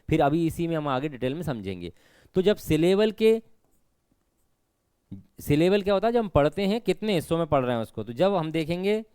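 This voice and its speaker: Male tutor, higher-pitched, clear and dry, methodical exam-prep teacher. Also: a little mellow, no echo. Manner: explains step by step, asks and answers his own questions; stresses rote learning with repeated reminders.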